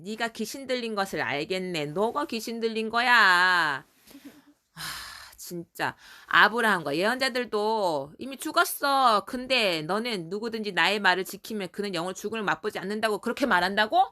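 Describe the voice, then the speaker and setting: A woman's voice: fairly low pitch, lively intonation, moderate pace. A woman doing a jeering, angry crowd of men. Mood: mocking. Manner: mocking, scornful, shouting.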